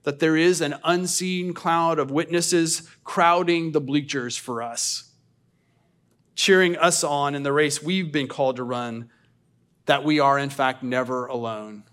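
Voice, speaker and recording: A man speaking as a pastor, delivering a sermon and communion liturgy in a solemn, measured, declamatory manner. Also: a little high, steady tone, a bit bright. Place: church service.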